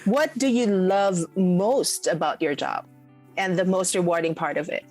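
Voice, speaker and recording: A woman's voice: fairly low pitch, unhurried, a little mellow, soft background music, poor audio. A woman interviewing a guest, asking brief, friendly questions.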